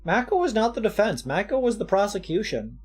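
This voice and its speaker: A woman's voice: medium pitch, big pitch swings, a little fast, darkish tone, husky. A woman in a casual video game playthrough, chatting and reading aloud from the game.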